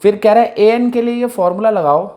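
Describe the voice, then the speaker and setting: A man's voice: high-pitched, a little fast, darkish tone. A man teaching a math lesson in a casual, conversational way, often asking students whether they follow. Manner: conversational, repeats questions to check understanding.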